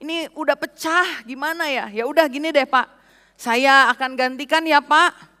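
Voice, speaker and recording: A woman's voice: sits high, normal speed, pushed and bright, long reverb tail, pitched above the performer's own voice. A woman preacher voicing a flustered young female housemaid begging forgiveness. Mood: pleading. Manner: pleading, apologetic.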